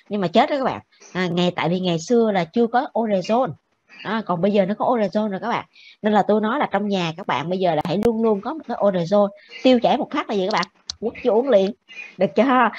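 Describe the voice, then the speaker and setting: Brisk woman teacher lecturing. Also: medium pitch. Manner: brisk, keeps checking with the class. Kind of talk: classroom lecture. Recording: dull lo-fi with faint noise.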